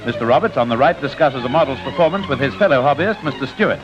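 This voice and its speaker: A man narrating an old newsreel in a brisk, jaunty scripted manner with wry asides, heard as an old newsreel soundtrack. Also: medium pitch, lively intonation. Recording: dull lo-fi old newsreel film sound with music.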